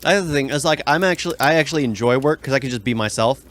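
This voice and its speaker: A man's voice: mid-range voice, rapid-fire, fairly bright tone. A man co-hosting a podcast, talking in a blunt, rambling way and complaining about his coworkers in a casual chat. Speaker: podcast co-host.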